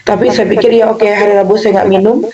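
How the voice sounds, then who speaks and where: A woman at a live event tells her own story to the listeners, rambling and animated, and she acts out what she cried out back then. Her mid-pitched voice comes through a muffled, lo-fi recording. Audience chatter is heard behind her. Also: fast. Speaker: customer giving a testimonial. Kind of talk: personal testimony to an audience. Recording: muffled recording with crowd noise.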